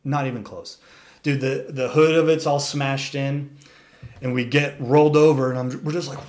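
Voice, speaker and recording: A young man telling a wild story in casual chat, animated and profane, saying "dude" a lot and acting out the quotes of others. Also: medium pitch, normal speed. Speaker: storyteller guest.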